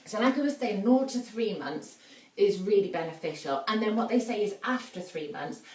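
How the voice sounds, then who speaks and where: A northern English woman from Yorkshire speaks in a mid-range, slightly mellow voice with lively intonation and normal speed, though the recording is rough. She's at home in a family house, chatting informally and explaining as she hosts a casual live baby play demo.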